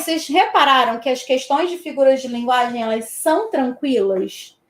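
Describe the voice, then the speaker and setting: A woman's voice: sits high, echoey room. A woman from Brazil teaching an online exam-prep lesson in a chatty way, checking in with her students after almost every point.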